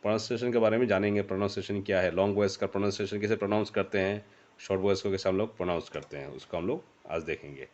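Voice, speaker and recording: A man teaching a shorthand lesson, repeating vowel sounds slowly and pausing to write on a board. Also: lowish voice, darkish tone. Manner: repeats sounds slowly and drills them aloud; pauses often while writing on a board. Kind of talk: classroom explanation. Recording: dull roomy sound.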